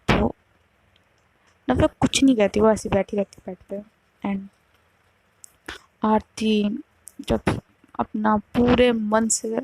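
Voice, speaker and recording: A woman's voice: a little high, gravelly, a little mellow, dry recording, low-quality recording. A woman casually narrating a love story, tying events together with "then she says".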